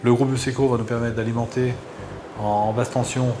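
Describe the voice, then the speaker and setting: A man's voice: medium pitch, little pitch movement, fast. A man explaining technical work in a spontaneous interview. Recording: music under the voice.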